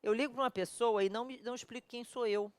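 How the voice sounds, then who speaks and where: A woman's voice: a little high, fairly even intonation, fast talker, no room sound. A woman with a Brazilian accent teaching a law exam prep video lesson, colloquial and full of rhetorical questions to her students. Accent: Brazilian Portuguese. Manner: addresses viewers directly and familiarly.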